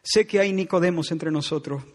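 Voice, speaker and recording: A man's voice: on the high side, moderate pace. A middle-aged man preaching a sermon as pastor, impassioned and pleading. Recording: husky voice in long church reverb.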